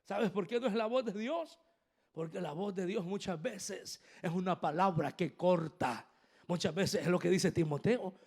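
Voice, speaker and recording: A man preaching a sermon as an apostle. He swings between soft asides and loud, emphatic passages and speaks directly to the congregation, asking them to repeat after him. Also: sits high, a little slow.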